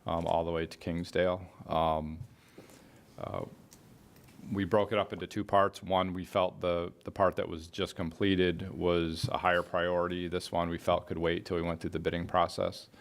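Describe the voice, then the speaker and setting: A man who works as a municipal department official, informally explaining matters at a meeting with halting, hesitant phrasing. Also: low voice, flat delivery, gravelly.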